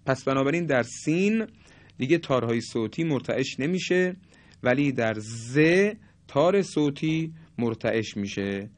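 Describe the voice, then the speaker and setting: A man teaching a lesson on how letters are pronounced, speaking deliberately and politely and sounding out examples aloud. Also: medium pitch, lively intonation. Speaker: Quran recitation teacher. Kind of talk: explanatory lesson on letter articulation.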